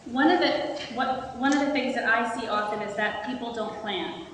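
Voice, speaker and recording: A woman giving a calm, steady talk to an audience as a guest speaker. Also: on the high side, moderate pace. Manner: calm, steady, tells a story. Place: large hall with an audience. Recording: echoey hall, mic from far off, noisy.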